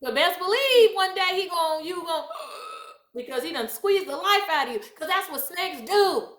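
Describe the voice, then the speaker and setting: A woman's voice: extremely high pitch, expressive, moderate pace, a bit bright, echoey room. A woman giving blunt life advice in a casual, emphatic and preachy monologue, laughing often.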